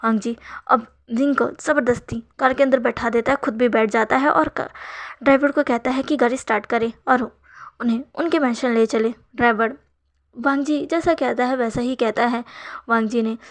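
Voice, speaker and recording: A woman retelling a fan fiction story in steady narration. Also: fairly high pitch, moderate pace.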